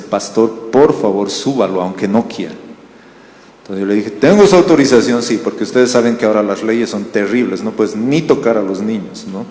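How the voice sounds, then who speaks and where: A man from Bolivia preaching a sermon as pastor, telling stories and asking the congregation questions. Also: on the low side. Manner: animated storytelling with questions to the congregation. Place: church hall. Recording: roomy church hall reverb.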